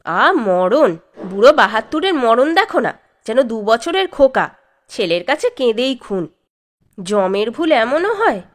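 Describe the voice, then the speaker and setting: A woman voicing a sharp-tongued middle-aged mother who scolds her old father-in-law loudly. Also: very animated, unhurried. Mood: scolding. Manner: shrill, loud, scolding.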